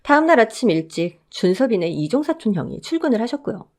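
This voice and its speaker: A woman narrating a first-person story in a chatty, animated way. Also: a little high, fast.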